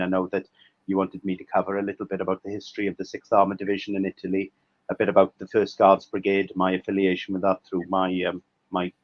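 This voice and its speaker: Welsh man, thirties, low voice, hesitant, fillers, dry dull video call sound. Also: no echo. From Wales. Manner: hesitant, many fillers and restarts. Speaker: guest historian and author. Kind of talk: conversational interview over video call. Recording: dry, slightly muffled video call audio.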